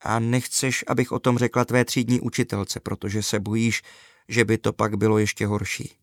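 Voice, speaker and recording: A calm, caring mother from a storybook, voiced by a male narrator, talking softly to her son at bedtime. She sounds close to his own voice, dry and near the mic. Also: fairly low pitch, no echo, close to an everyday voice.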